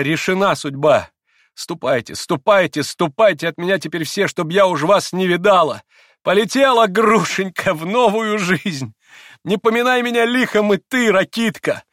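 A man voicing a proud, wild young woman who speaks in impassioned, shrill outbursts. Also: expressive, a little slow, dry recording, studio quality. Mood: frenzied.

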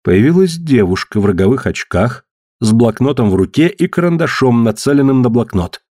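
A man reading a story aloud in a steady, measured narration. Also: mid-range voice, no echo, studio quality. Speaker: audiobook narrator. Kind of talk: scripted narration.

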